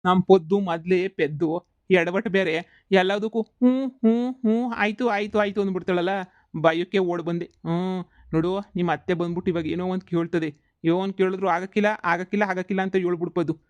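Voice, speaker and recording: A man's voice: sits high, a little fast, no echo, natural voice. A man voicing a bossy, teasing village husband who mocks his wife. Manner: mocking, flat drawl, rustic dialect. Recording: slightly dull lo-fi sound.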